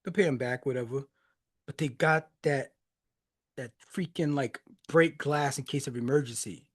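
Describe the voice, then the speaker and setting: A Haitian-born man in his forties, raised in the US, hosts a music reaction podcast with a mid-range, slightly breathy voice at a moderate pace. He talks casually and reflectively, laughing often, loose and conversational with lots of restarts and fillers.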